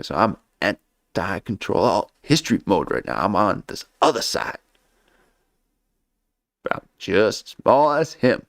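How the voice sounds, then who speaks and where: Slow gravelly man rambling on a livestream. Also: lowish voice, dry recording, clean studio sound. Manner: rambling, fills nearly every pause with "okay?". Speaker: livestream reaction host. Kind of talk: casual rambling livestream commentary.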